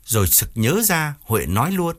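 A man narrating an audiobook story in a steady storytelling manner. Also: on the high side, moderate pace. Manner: steady storytelling, voices each character.

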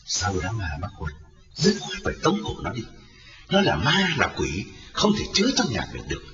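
A man's voice: fairly high pitch, sing-song, fast. A male narrator voicing a stern middle-aged man who gives curt, hard commands. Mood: harsh. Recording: roomy, lo-fi, distant, with music.

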